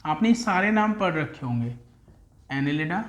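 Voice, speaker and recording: A male teacher giving a classroom lecture, drilling terms by slow repetition and calling students "beta". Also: a little high, expressive, a bit bright, roomy sound.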